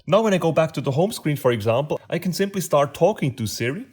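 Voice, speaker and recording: A man's voice: a little high, expressive, fast talker, darkish tone, husky. Man with a heavy German accent. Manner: friendly, step-by-step explaining. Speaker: tech tutorial presenter. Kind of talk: screen-recording tutorial narration.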